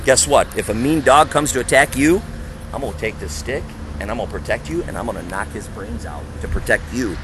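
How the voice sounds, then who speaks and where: A man does conversational street preaching to a small group in a parking area outside, with emphatic delivery, rhetorical questions, and impersonations of other people. He speaks a bit fast in a mid-range voice, against a noisy background.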